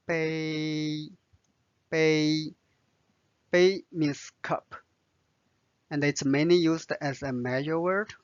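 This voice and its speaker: Slow patient man teaching Chinese words. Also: a little high, no room sound, highs cut off. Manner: patient, spells out each word and tone. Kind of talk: slow vocabulary lesson.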